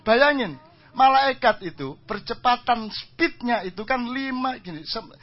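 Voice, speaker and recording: A man's voice: very high voice, lively intonation, measured pace, lo-fi sound. A man with an East Javanese accent telling humorous stories at a religious gathering, self-mocking and slipping into Javanese. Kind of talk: humorous storytelling talk.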